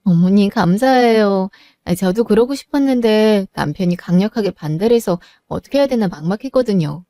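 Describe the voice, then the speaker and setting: A woman's voice: mid-range voice, expressive, brisk, warm tone, no room sound, clean studio sound. A woman narrating a family drama and speaking as the worried, pleading wife.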